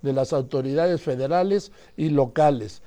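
A man's voice: medium pitch, moderate pace, mellow. A man with a Mexican accent hosting a sports panel, pressing guests for answers. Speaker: panel host. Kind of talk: opinion panel discussion.

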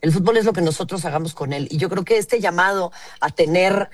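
A woman's voice: lowish voice, brisk, no echo. A woman with a Mexican accent, a panelist building a reflective argument in long sentences. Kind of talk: opinion panel discussion.

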